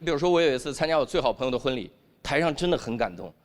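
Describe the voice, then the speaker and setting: A man performing a stand-up comedy routine on stage, animated and acting out the voices he quotes. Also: mid-range voice, racing. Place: comedy stage before a live audience.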